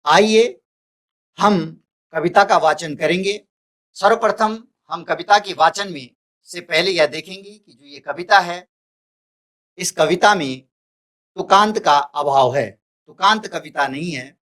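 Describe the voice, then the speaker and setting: Slow, deliberate male Hindi teacher. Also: high voice, fairly bright tone. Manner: deliberate, repeats and restates points. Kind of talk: recorded classroom lesson.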